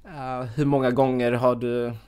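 A woman's voice: very deep voice, little pitch movement, mellow, smooth. A woman in her twenties chatting casually as a podcast co-host, telling stories with lots of fillers and laughs. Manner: chatty storyteller, laughs often, many fillers. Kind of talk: casual chat.

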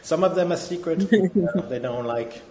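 A man's voice: a little high, normal speed. A man from Denmark, a guest in a casual interview, who often hesitates with ums and restarts. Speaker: guest, tech executive. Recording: echoey room with steady noise.

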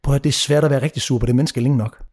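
A man's voice: mid-range voice, fairly even intonation, a little mellow, husky. A man in his thirties talking passionately in a casual podcast conversation, emphatic, swearing freely and dropping English phrases. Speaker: mentor and guest.

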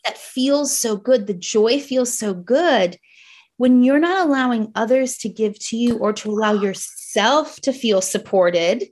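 A New Jersey woman in her thirties, with a Jersey accent, appears as a guest coach on a podcast, speaking earnestly and reflectively. Her voice is fairly high and animated, a little slow, with a darkish tone.

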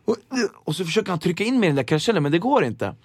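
A young man telling lively stories in casual chat, acting out the people in them. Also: high-pitched, breathy edge, dry recording, studio quality. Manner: animated, acts out voices in his anecdotes. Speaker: guest.

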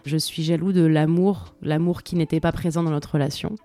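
Discussing song lyrics in a casual podcast chat, this French-native woman co-host is enthusiastic though frequently hesitant. Her low, mellow voice keeps fairly even intonation at a normal speed, and there's no room sound.

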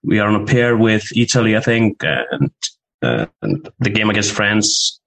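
A man's voice: on the low side, sing-song, moderate pace, vocal fry, fairly bright tone, rough recording. A man from Iceland, a sports commentator, chatting frankly and a bit hesitantly as a podcast guest. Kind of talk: casual podcast chat.

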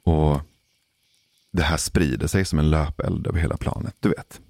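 A man telling a personal story in a casual, measured way, pausing for suspense. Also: rumbling low, steady tone, vocal fry, darkish tone, no room sound. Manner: measured, deliberate pauses for suspense. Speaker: podcast storyteller.

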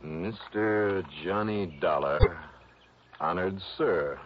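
A man declaims as a solemn, old-fashioned theatrical letter writer. The low voice is slow, grand and tragic. It is a dull radio drama recording with faint noise.

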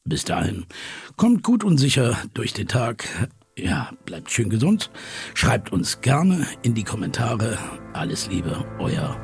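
A gravelly, husky podcast host. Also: male voice, mid-range voice, big pitch swings, slow, dry recording, soft background music, heavily acted. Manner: probing, hesitant questions. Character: podcast host interviewing, probing journalist. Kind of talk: scripted podcast interview in an audio drama.

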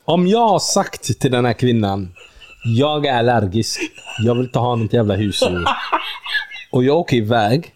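A man's voice: medium pitch, lively intonation, darkish tone. A man co-hosting a casual podcast chat, acting out a scene he imagines and laughing as he goes. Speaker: podcast co-host.

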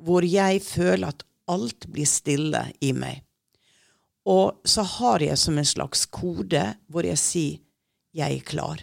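A middle-aged woman telling her own experiences as a guest in an interview, calm and unhurried, a little halting. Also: on the low side, creaky, no room sound, studio quality. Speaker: guest channeler. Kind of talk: reflective personal storytelling in interview.

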